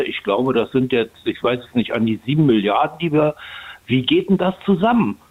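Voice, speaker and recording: Polite man in his sixties on the phone. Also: mid-range voice. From Berlin, Germany. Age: 60s. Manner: polite, puzzled questioning. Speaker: listener calling in with a question. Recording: tinny phone line.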